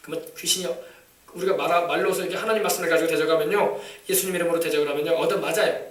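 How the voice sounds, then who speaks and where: A man preaching a sermon, emphatic and shouting commands at demons, often asking the congregation for replies. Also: a little high, steady tone, racing. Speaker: pastor. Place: church sanctuary. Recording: echoey church, mic from a distance.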